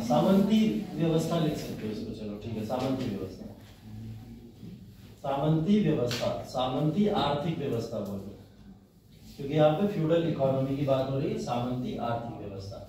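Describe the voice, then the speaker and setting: A man's voice: medium pitch, animated, moderate pace, pauses often, a crowd in the background. A man teaching a history class, asking his students questions and answering them himself. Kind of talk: classroom lecture. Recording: very echoey room, mic far off.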